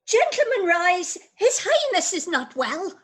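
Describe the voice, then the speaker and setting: Deferential noble guest, female amateur actor, very high, animated pitch, courtly radio play verse. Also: unhurried, heavily acted. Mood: concerned.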